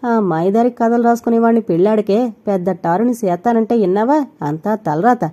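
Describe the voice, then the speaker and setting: A woman's voice: mid-range voice, a little fast, warm tone, lo-fi sound, natural voice. A woman voicing a fussing mother over sixty who scolds and heaps curses, in an audio novel. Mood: scolding.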